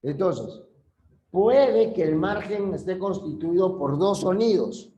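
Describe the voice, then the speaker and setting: A man's voice: sits high, expressive, slow, warm tone, roomy sound, dull audio, a little hiss or hum. A male teacher giving a classroom language lesson, patiently repeating key terms and checking that students follow.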